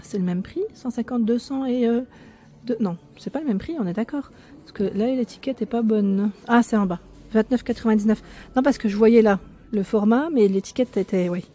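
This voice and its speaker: A woman's voice: on the high side, moderate pace, dark tone. Chatty woman vlogging in a store. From France. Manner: chatty, reads prices aloud, stumbles over product names. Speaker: shopping vlogger. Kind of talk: casual store walkthrough vlog. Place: large furniture store, indoors.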